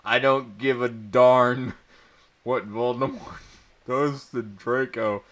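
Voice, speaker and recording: A mean old wizard headmaster acted out by a man in a comic story reading. He is irritable and curt, speaking slowly and with scorn. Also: medium pitch, fairly even intonation, a bit bright.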